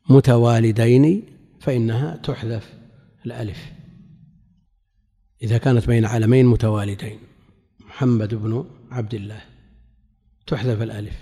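A man teaching a religious lesson, explaining a classical commentary in a measured way, with pauses between phrases. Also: medium pitch, mellow, slightly rough. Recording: long hall reverb.

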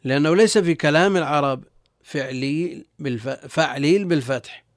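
In clean studio sound without any room reverb, a guest teacher who is a religious scholar works through texts in formal classical Arabic. His voice sits a little high and his delivery is brisk, and he repeats phrases while reading and explaining.

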